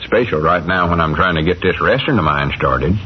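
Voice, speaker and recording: An easygoing small-town storekeeper in an old radio comedy. His lowish voice rises and dips in a homespun rural Southern accent, on a dull, noisy vintage recording. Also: lively intonation, brisk. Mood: musing. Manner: homespun country talk. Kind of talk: 1940s radio comedy-drama acting.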